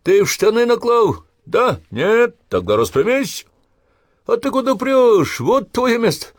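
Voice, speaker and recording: A man's voice: very high voice, very animated, unhurried, dry recording, clean studio sound, voice pushed up, heavily acted. A man voicing coarse, jeering army sergeants with a Ukrainian-tinged Russian accent, taunting recruits sarcastically.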